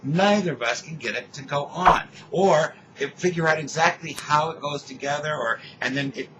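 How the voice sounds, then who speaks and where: An older man telling a rambling story in casual chat, animated when he acts out what people said. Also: on the high side, moderate pace, highs cut off, heavy background noise.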